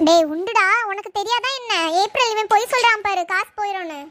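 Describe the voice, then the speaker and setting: Brief: young woman, very high voice, anxious and pleading, sketch acting. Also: brisk, fairly bright tone, a little hiss or hum. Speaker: sketch actor.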